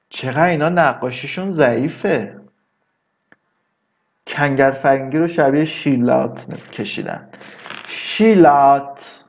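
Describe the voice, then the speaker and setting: A man teaching English vocabulary in a casual lesson, drawing words out slowly and adding chatty asides. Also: medium pitch, darkish tone, muffled recording. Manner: slow, drawn-out repetition of words, chatty asides.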